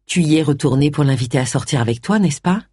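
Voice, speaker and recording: A woman voicing a sharp-tempered, impatient middle-aged woman, with brisk, clipped questions. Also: low voice, lively intonation, breathy edge, dry recording, studio quality. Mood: needling.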